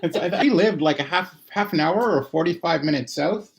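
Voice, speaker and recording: Brief: man co-host, gravelly voice, rambling, loose casual chat. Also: on the high side, moderate pace. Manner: rambling, restarts phrases.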